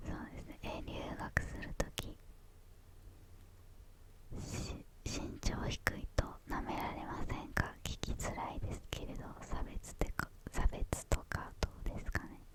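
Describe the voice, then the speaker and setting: Hushed whispering young woman, ASMR style. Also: moderate pace, low-quality recording. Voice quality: hushed, breathy unvoiced whisper. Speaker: ASMR creator answering viewer questions.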